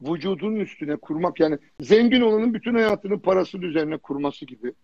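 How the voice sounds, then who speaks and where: A man's voice: sits high, lively intonation, brisk, a little mellow. A man who grew up in Germany, a fitness jury member, chatting casually as a livestream guest, telling stories animatedly with blunt slang and lots of repetition. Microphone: phone or computer on a live video stream. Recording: dull lo-fi livestream audio.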